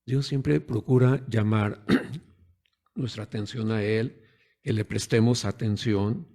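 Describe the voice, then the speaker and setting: A man preaches a sermon conversationally, asking the congregation rhetorical questions and acting out the voices of parents and children. His voice is fairly low, mellow and steady, and he speaks slowly.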